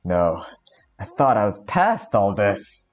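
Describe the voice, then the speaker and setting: A man's voice: lowish voice, big pitch swings, takes it slowly, highs cut off, soft background music. Man doing an earnest, determined anime hero. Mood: determined, puzzling. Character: earnest, determined young male anime protagonist, dramatic and exasperated. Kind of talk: amateur visual novel role-play.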